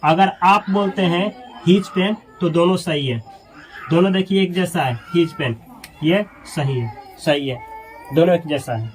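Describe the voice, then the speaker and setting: Slow high-voiced teacher. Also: male voice, slight background noise, low-quality recording. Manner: repeats key words slowly, drilling students with questions; drops low and soft when marking mistakes. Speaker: English teacher. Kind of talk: spoken grammar lesson.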